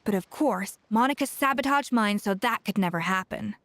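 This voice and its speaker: An actress voicing a confident, seasoned female chef who mentors a younger cook, speaking in a brisk, scolding, self-assured way in a game cutscene. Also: medium pitch, a bit bright, no echo, lightly acted. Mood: stern.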